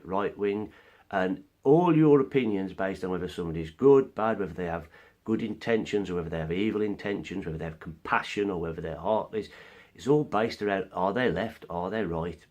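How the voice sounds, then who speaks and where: A man's voice: sits low, moderate pace, a little mellow. A man with a cold, giving an earnest, explanatory opinion monologue as a vlogger. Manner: earnest, explains through analogies. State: has a cold, coughing now and then.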